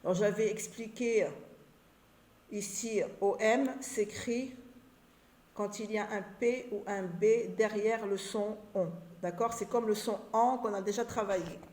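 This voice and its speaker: A woman teaching a children's reading lesson, sounding out syllables and words slowly and carefully. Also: mid-range voice, steady tone, a little mellow. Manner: slow, carefully articulated syllables. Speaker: primary school teacher. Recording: echoey room.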